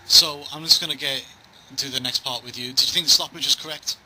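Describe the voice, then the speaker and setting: A man's voice: a little high, fast talker, bright, forceful tone, slight background noise, low-quality recording. A man hosting a casual chat, joking and bantering as he puts questions to a guest. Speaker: podcast host asking a boxing pundit questions.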